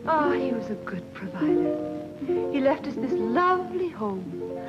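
A woman's voice: sits high, big pitch swings, measured pace. A woman playing a sentimental widowed mother in an old stage melodrama, declaiming in a florid, mournful way. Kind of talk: mock temperance melodrama acting. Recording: dull lo-fi old recording. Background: loud ukulele music.

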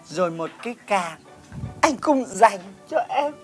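A woman on stage playing a loud visitor who swings between fierce cursing and sentimental drama. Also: sits high, lively intonation, fast, faint music behind. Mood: nostalgic. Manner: dramatic, exaggerated. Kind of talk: stage comedy acting.

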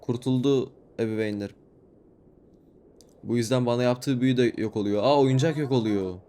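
A young man quietly talks his way through a horror game, keeping his voice low and muttering. He reads each line of dialogue aloud in a flat, even tone as he plays. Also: normal speed. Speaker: gaming YouTuber. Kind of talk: let's play commentary, reading dialogue aloud.

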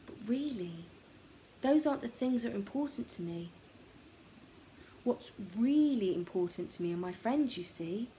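A woman voicing a young boy making a heartfelt Christmas wish, speaking softly and partly in a whisper. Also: fairly high pitch, expressive, normal speed, pauses often, a little hiss or hum, close to an everyday voice, rough recording. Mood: wistful.

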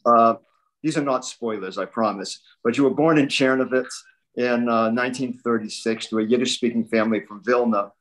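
An older man, an interviewer and event host, questions an author over a video call from a book-lined home library, asking long, admiring, rambling questions in a conversational way. His medium-pitched voice is a bit bright and a little fast, with fairly even intonation. The video call computer mic gives a low-quality recording.

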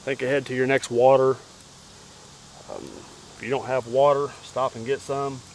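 A man casually narrating his camp cooking outdoors in the woods, relaxed and plain-spoken, giving practical tips. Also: medium pitch, moderate pace, slight background noise. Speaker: outdoors vlogger.

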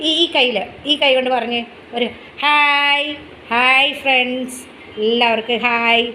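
A woman's voice: high-pitched, bright, forceful tone, slight background noise, poor audio. A middle-aged woman chatting in a home vlog, coaxing her pet dog in baby talk. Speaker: vlogger. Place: home indoors.

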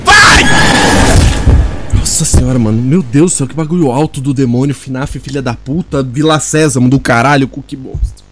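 A man's voice: medium pitch, a little fast, a little mellow, a little hiss or hum. A young man commentating a horror game, swearing constantly and sounding exasperated and shaken. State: sweaty and shaken. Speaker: gamer.

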